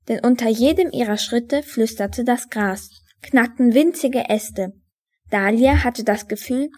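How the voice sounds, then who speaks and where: A woman's voice: fairly high pitch, a little mellow. Woman narrating a children's book. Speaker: reader. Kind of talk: reading a book aloud.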